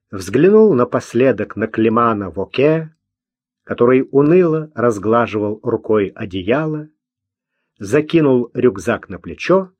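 Male audiobook narrator, unhurried, lively intonation, dry slightly dull sound. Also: mid-range voice, dry recording. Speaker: audiobook reader. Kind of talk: scripted narration.

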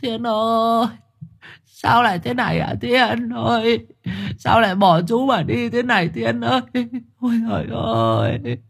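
A man's voice: extremely high pitch, animated, measured pace, vocal fry, breathy edge, voice pushed up, exaggerated voice. A man doing a wailing grief-stricken old man. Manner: wailing, sobbing. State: crying. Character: grief-stricken older man wailing over a dead boy.

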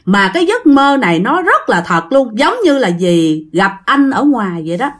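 On the high side and very animated, this woman's voice moves at normal speed. She has a Southern Vietnamese accent and tells a ghost story chattily, speaking directly to those listening.

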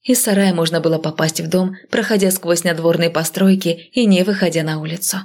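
A woman reading a first-person audiobook in an even, measured storytelling manner. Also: on the low side. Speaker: audiobook narrator.

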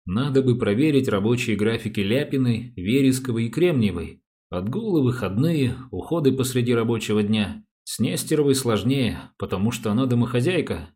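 Мужчина-чтец аудиокниги, ровная подача. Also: male voice, mid-range voice, expressive, a little fast, dark tone, slightly rough. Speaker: audiobook narrator. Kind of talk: scripted narration.

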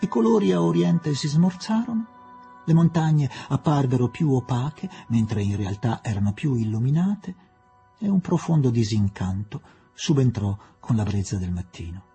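Narratore espressivo dalla voce calda. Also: male voice, fairly high pitch, gravelly, dark tone, husky. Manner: dramatic, varied delivery. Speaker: audiobook reader. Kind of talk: expressive literary narration.

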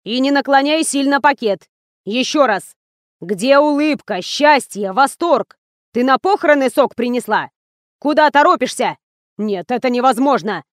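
A woman voicing a short, fat, bossy male ad producer who yells and bullies, in a storybook reading. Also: high voice, lively intonation, takes it slowly, dry recording, studio quality. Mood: yelling. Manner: yelling, bullying, explosive.

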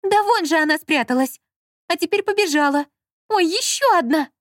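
Woman doing a capricious young woman, high teasing voice, whiny, dry close sound. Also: brisk, darkish tone, no room sound, lightly acted. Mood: panicked. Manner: whiny, teasing, shrieks in fright. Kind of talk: audiobook character voice.

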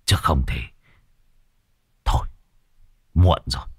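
A man voicing an elderly village exorcist who speaks low, halting and terse with grim foreboding. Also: husky, no room sound, clean studio sound, heavily acted. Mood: grave, ominous.

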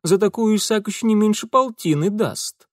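Cruel, mocking dandy thug, read by a male narrator; high, lively, dry close sound. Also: normal speed, no echo, close to an everyday voice. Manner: sneering, with folksy slang. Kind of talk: audiobook character voice.

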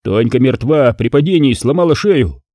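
A man's voice: mid-range voice, expressive, normal speed, warm tone, no room sound, studio quality, lightly acted. A man reading an audiobook voices a tied-up male crook who pleads and wheedles. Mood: desperate pleading.

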